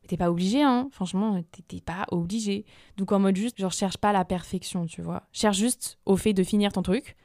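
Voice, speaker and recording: A young woman talks through her solo podcast in a loose, chatty way, full of slang and fillers. Her voice sits at a middle pitch. The sound is dry and close. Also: moderate pace, a little mellow, no room sound. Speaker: podcast host. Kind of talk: casual solo podcast talk.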